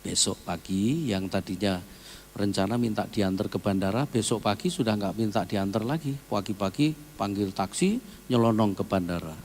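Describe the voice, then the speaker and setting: A man's voice: lowish voice, normal speed, a little hiss or hum. A male pastor preaching a conversational sermon, telling stories and tossing tag questions to the congregation. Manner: lively storytelling with tag questions to the audience. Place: church seminar hall. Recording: long hall reverb.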